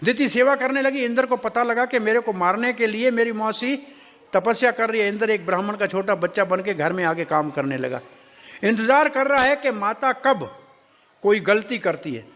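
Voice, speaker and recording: A man giving a devotional scripture discourse, telling the story with animated acting of characters and joking asides. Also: high-pitched, moderate pace, in a large hall.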